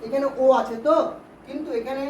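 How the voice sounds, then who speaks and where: In a Bengali-language lesson, a woman patiently drills English vowel sounds, repeating words and asking her pupils questions. Her high voice has fairly even intonation, a brisk pace and a darkish tone. The highs are cut off, and the recording is roomy and distant with faint hiss.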